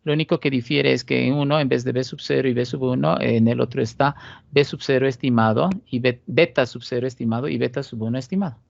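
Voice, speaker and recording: A man's voice: medium pitch, steady tone, fast, gravelly, dry recording, muffled recording. A man with a Cochabamba Bolivian accent giving a recorded statistics lecture, explaining step by step and often checking in with "¿listo?". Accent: Bolivian Spanish (Cochabamba). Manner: explanatory, asks rhetorical questions, frequent "¿listo?" check-ins. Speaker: teacher.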